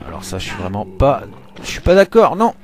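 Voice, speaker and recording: Excitable man streaming a game. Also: mid-range voice, a little fast, slight background noise. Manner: excitable, swears and laughs often. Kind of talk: live gameplay commentary. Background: game music.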